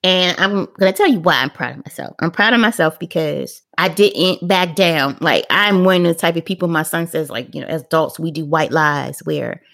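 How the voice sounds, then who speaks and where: A middle-aged woman hosting a parenting podcast, telling a family story in a casual, animated way, acting out the quotes and laughing often. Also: low-pitched, normal speed, creaky, few pauses.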